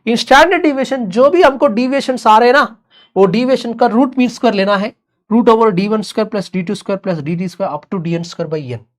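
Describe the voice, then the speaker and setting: Her voice slightly high and her delivery very fast, a woman with an Indian accent leads an exam revision lecture. As a teacher mixing English with Hindi, she echoes key phrases and confirms her learners are with her.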